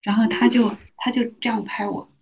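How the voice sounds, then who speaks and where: A middle-aged woman, a university teacher, telling personal stories as a guest on a podcast, in a soft-spoken, reflective way with many small restarts. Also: fairly high pitch, little pitch movement, fairly quick, creaky, breathy edge. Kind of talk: conversational storytelling.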